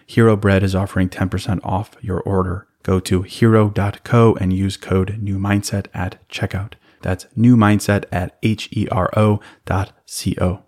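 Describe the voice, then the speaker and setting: A man with a low voice reads a sponsor spot for his podcast. His delivery is upbeat and relaxed, like a friendly sales pitch. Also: moderate pace, hardly any pauses. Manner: upbeat, casual sales patter. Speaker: podcast host reading sponsor ads. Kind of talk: host-read advertisement.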